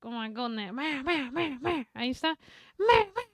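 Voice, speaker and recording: Excitable high-voiced bilingual woman streamer. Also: a little fast, no room sound, clean studio sound. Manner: excitable, switches between English and Spanish, swears casually. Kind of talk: casual bilingual live-stream chat.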